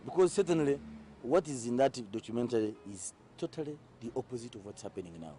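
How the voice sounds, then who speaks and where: A man speaking in a composed, deliberate way in an interview. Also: medium pitch, lively intonation, dark tone. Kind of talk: interview answer.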